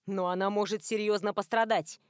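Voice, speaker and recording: A woman's voice: fairly even intonation, clear, resonant tone, dry recording, clean studio sound, close to an everyday voice. A woman voicing an exasperated, bossy young man in an audiobook story. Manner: low, slow and curt.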